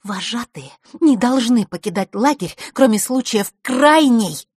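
A woman's voice: a little high, lively intonation, a little slow, a little mellow, breathy edge, dry recording, studio quality, pitched above the performer's own voice. A woman voicing a stubborn young woman counselor who insists and hisses her objections. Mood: insistent. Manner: insistent, hissing.

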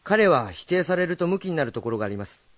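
A man voicing a young, meddling but kind rakugo storyteller in a drama, direct and animated. His voice is slightly high with a very lively pitch, recorded dry and close. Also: quick pace, dry recording. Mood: calm.

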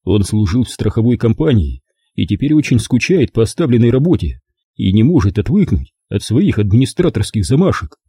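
A man reading a novel aloud as an expressive audiobook narrator. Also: lowish voice, fairly quick, husky, dry recording, studio quality. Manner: expressive storytelling. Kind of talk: scripted narration.

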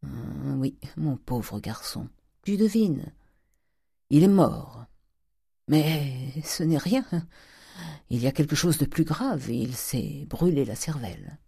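A man reading the part of a miserly, scheming old man who mutters gruffly. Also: mid-range voice, expressive, takes it slowly, long pauses, mellow, no echo, clean studio sound, heavily acted. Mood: muttering.

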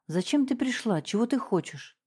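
A woman reading a story, voicing a frightened younger woman who answers defensively and breaks into shrill shouting. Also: lively intonation, moderate pace, breathy edge. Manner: trembling then shrieking.

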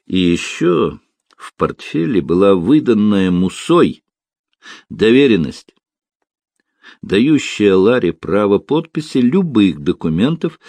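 A male audiobook narrator with a low voice and an expressive reading. His intonation moves freely, and the recording is dry and close. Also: no echo. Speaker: audiobook reader.

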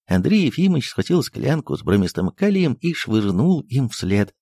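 A man narrating a literary audiobook in a measured, expressive way. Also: mid-range voice, no room sound, studio quality.

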